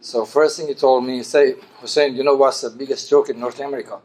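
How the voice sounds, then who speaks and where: A man's voice: medium pitch, steady tone, fast, darkish tone. A man from Iran, sharing a memory at a memorial, with some hesitation. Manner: hesitant storytelling. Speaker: memorial speaker.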